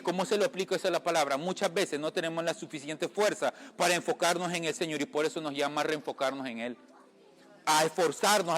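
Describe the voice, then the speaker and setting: A Caribbean man acting as lay preacher offers an informal sermon in a fairly high, slightly bright voice. He talks casually to his listeners, calls them brother often, and checks they're following, all under long room reverb.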